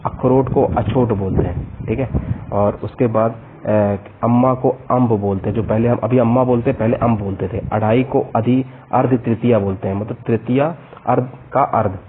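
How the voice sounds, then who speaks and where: A man's voice: mid-range voice, steady tone, slight background noise. A man teaching a Hindi exam vocabulary lesson, reeling off synonyms and word pairs and stopping now and then to explain. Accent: Hindi, North Indian. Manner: rattles off word lists, pauses to explain. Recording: tinny narrow-band lo-fi audio.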